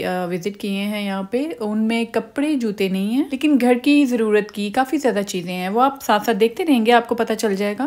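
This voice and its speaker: Woman vlogger, higher voice, chatty and explanatory, casual shopping voice-over. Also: a little mellow. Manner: chatty, explanatory, frequent "uh" pauses.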